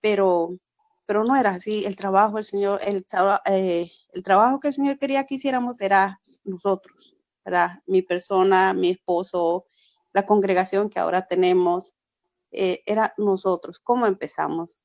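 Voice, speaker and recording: A Peruvian woman who is a pastor gives an earnest testimony in a forum over a video call, speaking at normal speed in a mid-range, slightly mellow voice with fairly even intonation. She often repeats herself and keeps adding "verdad." The recording is muffled, with no room sound.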